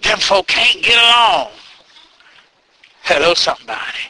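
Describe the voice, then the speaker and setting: A man's voice: high voice, very animated, unhurried, bright, forceful tone. A man preaching a fervent church sermon at a pulpit microphone, repeating phrases and building them up for emphasis. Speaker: pastor preaching. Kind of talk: fervent church sermon with call-and-response refrains.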